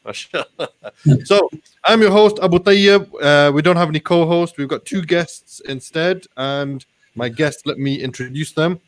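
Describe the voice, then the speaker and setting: A man hosts a casual interview show, talking in an informal, matey way and sprinkling in Arabic phrases. His voice is fairly high and unhurried.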